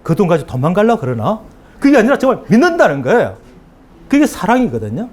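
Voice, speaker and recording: A male pastor preaches in a church, talking to the congregation in a chatty way. His pitch sits a little high and swings widely. He keeps slipping into little acted-out exchanges to make his points. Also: huge pitch swings, fast talker, a little mellow. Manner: conversational preaching with acted everyday dialogues. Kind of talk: sermon.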